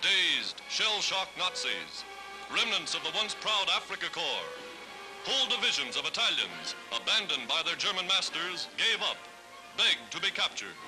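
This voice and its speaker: A man's old newsreel narration, delivered in a rousing, dramatic newsreel manner. His voice sits high. Loud music plays under it throughout. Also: sing-song, normal speed, low-quality recording. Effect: old newsreel sound.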